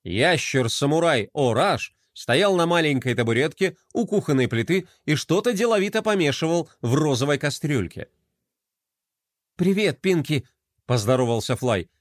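A man reading a children's story aloud in an expressive storytelling manner. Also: on the high side, normal speed, few pauses, no echo, studio quality. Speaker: narrator. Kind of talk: scripted narration of a children's story.

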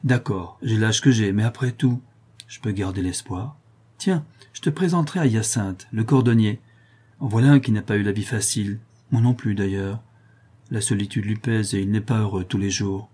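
A man reading aloud, voicing an outspoken middle-aged peasant widow in a raised, husky voice. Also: lowish voice, normal speed, darkish tone. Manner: outspoken, defiant.

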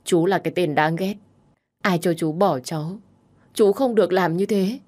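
A woman's voice: on the low side, normal speed, a little mellow, natural voice. A woman voicing a drunk, tearful young woman who is stubborn and clingy, whining and pleading. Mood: drunk, petulant. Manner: whiny, insistent, pleading.

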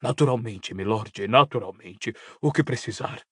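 A man voicing a hoarse, fearful male servant in an audiobook, trembling and eager to please. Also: mid-range voice, moderate pace, no echo, clean studio sound, pitched below the performer's own voice, lightly acted. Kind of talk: audiobook character voice.

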